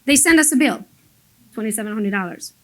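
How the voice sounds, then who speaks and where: Brisk and expressive, with a somewhat high, slightly bright voice, a woman acts as a motivational business coach for a group. She immigrated to the United States as an adult and English isn't her first language. Her delivery is blunt and emphatic, casual storytelling peppered with mild swears.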